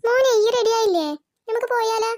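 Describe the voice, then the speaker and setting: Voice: extremely high pitch, brisk, darkish tone. A performer voicing a cartoon mother who scolds her son firmly and then reassures him. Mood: firm, reassuring. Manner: firm, scolding, then soothing. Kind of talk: cartoon voice acting.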